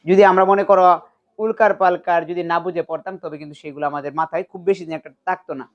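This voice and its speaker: A woman teacher giving a classroom lesson, explaining patiently and spelling words out letter by letter, drawing them out slowly. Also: fairly low pitch. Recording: dull lo-fi recording.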